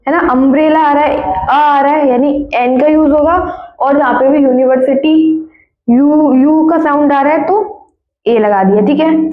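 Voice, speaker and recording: High-voiced woman teaching a repetitive grammar lesson. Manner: repeats words and keeps asking students questions; corrects her own slips with quick apologies. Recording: echoey room, dull lo-fi sound.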